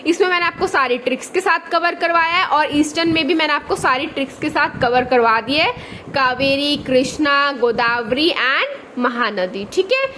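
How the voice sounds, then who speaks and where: High-voiced woman teaching. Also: animated, sharp tone, a little hiss or hum. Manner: spells out mnemonics slowly, checks in with "ठीक है". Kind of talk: lecture with memory tricks.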